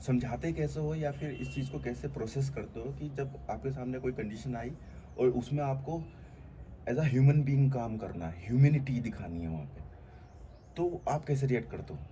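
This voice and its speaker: A man's voice: medium pitch, moderate pace, mellow. A man who earnestly talks through his thinking in a casual conversation, with many fillers. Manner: reflective, earnest, explaining at length with many fillers. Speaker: channel host. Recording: faint background noise.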